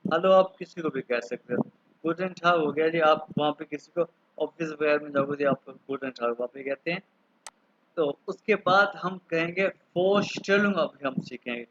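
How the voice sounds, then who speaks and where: Fairly high-voiced teacher man in his thirties. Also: fairly bright tone, highs cut off, slight background noise. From Pakistan. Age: 30s. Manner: patient, repeats words slowly for pronunciation. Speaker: German teacher. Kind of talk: online language class.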